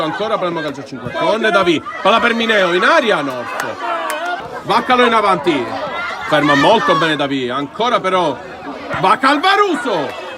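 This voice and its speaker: Male sports commentator, breathless goal calls, high voice, very animated swings, noisy crowded venue. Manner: breathless, bursting into shouts on goals. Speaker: futsal match commentator. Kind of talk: excited play-by-play sports commentary in Italian. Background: crowd noise.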